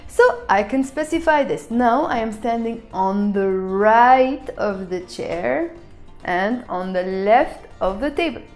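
A woman teaching a language lesson, saying each phrase carefully and then repeating it faster. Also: medium pitch, a little mellow.

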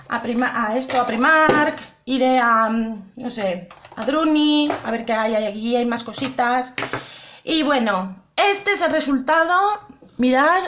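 Chatty high-voiced woman vlogger. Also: a bit bright. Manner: chatty, addresses viewers directly, repeats herself. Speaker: beauty vlogger. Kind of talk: casual makeup tutorial.

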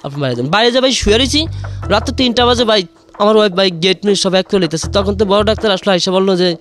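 A man's voice: high-pitched, animated, racing, fairly bright tone, soft background music. A young man, rambling through an emotional personal story as a radio caller and saying "brother" again and again. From Bangladesh. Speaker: caller sharing a confession.

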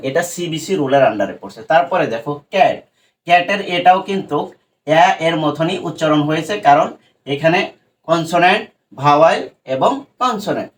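Bengali teacher quizzing himself aloud. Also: male voice, a little high. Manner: asks questions and answers them himself, addresses viewers directly. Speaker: English pronunciation teacher. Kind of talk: spoken tutorial lesson.

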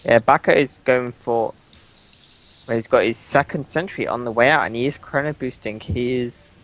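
A man's voice: mid-range voice, normal speed, a bit bright. Man calling esports play-by-play. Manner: play-by-play, repeats "as we do see". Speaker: esports caster. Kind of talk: live game commentary.

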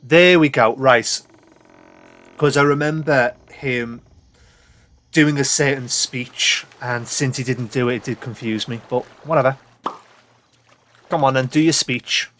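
A man's voice: mid-range voice, fairly even intonation, measured pace, long pauses, a bit bright. Casual man commenting on a game. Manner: casual, chatty, swears freely. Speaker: gaming channel host. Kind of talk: let's play commentary.

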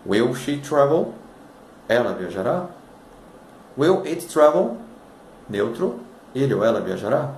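A man, a native Portuguese speaker, teaching English in a scripted lesson, reading example sentences slowly and dropping his voice on the translations. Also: a little mellow, reverberant, a little hiss or hum, low-quality recording. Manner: slow deliberate reading of example sentences, drops pitch on translations.

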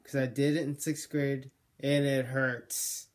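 Male vlogger, slow and unhurried, rambling and self-correcting, voice wearing thin. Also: mid-range voice, flat delivery. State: losing his voice. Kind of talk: casual vlog monologue.

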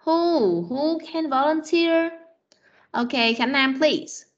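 A woman's voice: sits high, extremely slow, lo-fi sound. A woman teaching an online English class to children, patiently drilling words and correcting their pronunciation. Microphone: video call.

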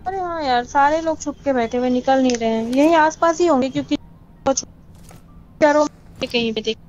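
A woman's voice: sits high, a little mellow, highs cut off, slight background noise. A woman chatting casually and teasingly with teammates during a game. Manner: chatty, teasing, quick reassuring.

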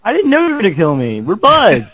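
A man's voice: sits high, huge pitch swings, quick pace, a bit bright, a little hiss or hum. A man joining as a guest player, wisecracking in casual gameplay banter.

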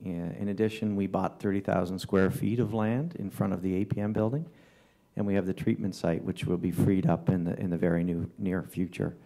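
Male councillor, dark, mellow timbre, halting report full of fillers. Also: deep voice, fairly even intonation, creaky. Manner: halting, with many fillers and restarts. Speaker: town councillor giving a report. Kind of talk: formal council report with ad-libbed remarks. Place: council chamber.

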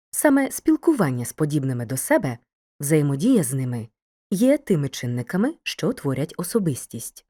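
A woman narrating a scripted educational video lesson, speaking to the student in a clear, measured way. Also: low voice, warm tone.

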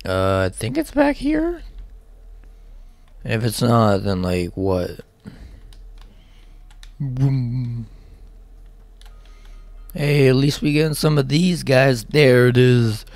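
Gravelly, slow-talking male gamer. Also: medium pitch, sing-song, a little mellow, no room sound. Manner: rambling, swears often, talks to himself. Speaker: gaming channel host. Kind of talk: casual let's play commentary.

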